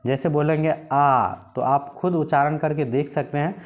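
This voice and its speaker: Man, teacher, patient grammar lesson, fairly high-pitched, asks and answers his own questions. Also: fairly even intonation, normal speed.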